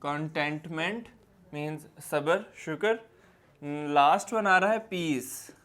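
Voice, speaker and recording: A man's voice: on the high side, slow pace, fairly bright tone. A young adult man, teaching a classroom lecture and explaining step by step, repeating key words.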